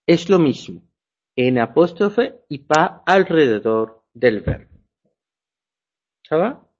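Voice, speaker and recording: A man's voice: a little high, big pitch swings, slow pace. Man teaching in a lo-fi recording. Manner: explanatory, checks understanding with "ya". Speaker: French teacher. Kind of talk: classroom lecture. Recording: dull lo-fi sound.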